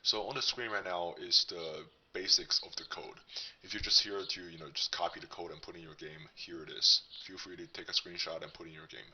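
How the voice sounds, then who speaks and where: A man hosting a casual coding tutorial, his voice disguised as a deep one by a voice changer, thinking aloud as he demonstrates. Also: steady tone, brisk, hardly any pauses, sharp tone, slightly rough, far from the mic. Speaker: tutorial host.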